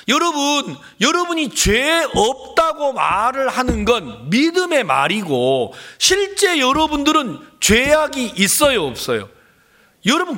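Brief: lively male preacher, high and wildly swinging voice, theatrical storytelling sermon. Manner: dramatic, acts out dialogues and tells stories. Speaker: pastor.

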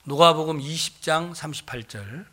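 A man's voice: a little high, moderate pace, sharp tone. A male pastor preaching a sermon, firing questions at the congregation and answering them himself.

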